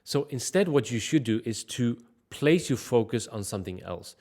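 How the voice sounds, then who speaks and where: A man's voice: mid-range voice, lively intonation, moderate pace, warm tone. A man from Sweden, giving direct, conversational advice in a casual fitness vlog. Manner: direct, conversational, frequent "like" and "I mean" fillers. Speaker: fitness vlogger.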